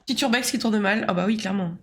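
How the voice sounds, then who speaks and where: A woman's voice: medium pitch, quick pace, a little hiss or hum. A young woman chatting casually with her viewers while she streams a game, joking and talking to her chat. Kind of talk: casual live game commentary.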